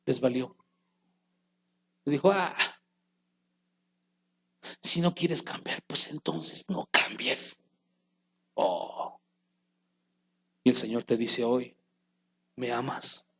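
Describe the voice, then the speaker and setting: A man's voice: mid-range voice, very slow, creaky, pauses often, a bit bright, husky. A man preaching a sermon as pastor, acting out quotes and rising to calls aimed at the congregation.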